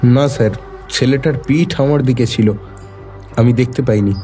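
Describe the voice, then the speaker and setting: An actor playing a young office worker answering a detective deferentially, calling him sir. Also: male voice, medium pitch, moderate pace, dark tone, faint music behind, lightly acted. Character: nervous young male office worker questioned by police.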